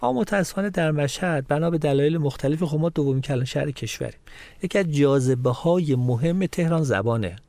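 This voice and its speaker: A man's voice: a little high, darkish tone, no room sound. A man from Mashhad, a guest on a studio talk show, explaining local culture and reeling off long lists of places and words. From Mashhad, Iran.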